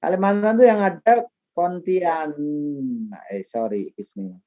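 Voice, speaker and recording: A mellow male lecturer and trainer in his late 50s, from Madiun in East Java, Indonesia, speaks slowly in a fairly high voice. He gives an informal class introduction, chatting about his own life.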